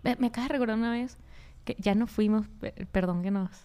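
Young woman, lively ghost-story chat. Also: fairly high pitch, a little fast, clean tone. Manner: animated storyteller, acts out quoted lines. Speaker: podcast co-host.

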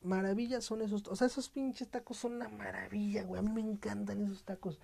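A man's voice: high-pitched, level tone, a little fast, vocal fry, dark tone, husky. A man with a central Mexican accent hosting a podcast as a casual monologue, slangy and profane, with playful mock-dramatic outbursts. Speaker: podcast host.

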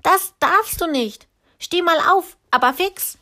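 A woman reading a storybook aloud and voicing a bold, bossy little girl who talks in a loud, commanding way. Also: high-pitched, sing-song, unhurried, pitched above the performer's own voice.

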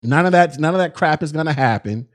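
A man's voice: a little high, quick pace. Young guy doing a solo podcast rant, slangy, keeps restarting his words, voice jumps all over. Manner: animated, repetitive restarts, colloquial slang. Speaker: podcast host. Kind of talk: casual solo commentary.

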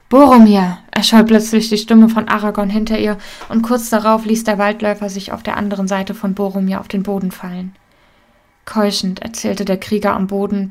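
Gravelly woman narrating a story. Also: medium pitch, a little mellow. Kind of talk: storybook narration of fan fiction.

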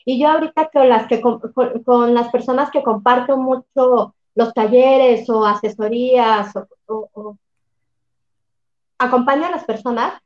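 A high-pitched woman talks reflectively and with emphasis, often affirming what she hears. Her voice carries a roomy echo, and the recording sounds somewhat dull and lo-fi. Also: steady tone, measured pace. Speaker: workshop facilitator and coach. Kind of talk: casual conversation.

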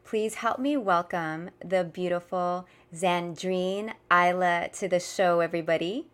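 Effusive woman host, slightly low voice. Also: unhurried, clear, resonant tone. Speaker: podcast host. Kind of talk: host introduction and interview.

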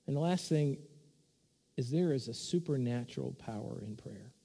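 Earnest pastor preaching in a reverberant hall. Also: male voice, animated, normal speed, husky. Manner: earnest, swells louder and higher on repeated points. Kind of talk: sermon. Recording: long reverb of a church hall.

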